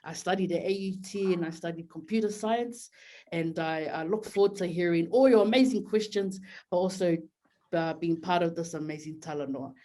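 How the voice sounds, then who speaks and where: A woman's voice: fairly low pitch, normal speed, dark tone, poor audio. Bubbly New woman on a video call. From New Zealand. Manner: upbeat, bubbly, laughs easily. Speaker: panelist, developer evangelist. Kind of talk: casual panel talk.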